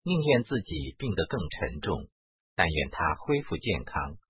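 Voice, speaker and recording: A man reading a spiritual memoir aloud in the first person, measured and steady. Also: low-pitched, breathy edge, dry recording. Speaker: reader. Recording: tinny narrow-band recording.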